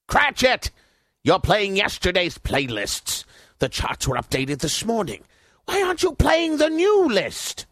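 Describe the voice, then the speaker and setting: Man playing Scrooge, high-pitched, wildly swooping miserly boss. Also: very animated, measured pace, dry recording, clean studio sound, full character voice. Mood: scornful, irritated. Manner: haughty, sharp, scolding, fussy. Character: miserly, bullying male radio station boss. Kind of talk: audio drama acting.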